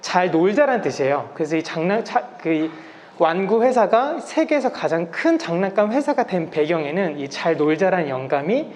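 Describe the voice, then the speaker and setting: This clip captures a masked public lecture by a South Korean man in his thirties who is a guest speaker, polite and explanatory, with the mask slightly muffling his speech. He has a high, somewhat mellow, animated voice and speaks at a normal speed. The live setting brings background noise.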